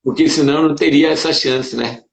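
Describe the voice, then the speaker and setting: A man's voice: a little fast, creaky. Emotional pastor telling his testimony. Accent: Brazilian Portuguese. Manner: emotional, animated storytelling with sudden pitch jumps. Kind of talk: testimony in casual conversation. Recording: dull roomy sound.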